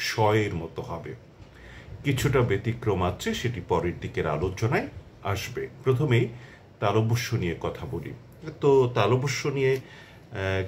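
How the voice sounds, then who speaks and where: A man teaching a pronunciation lesson, speaking slowly and carefully and stressing each example word. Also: fairly low pitch, slight background noise. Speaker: language teacher.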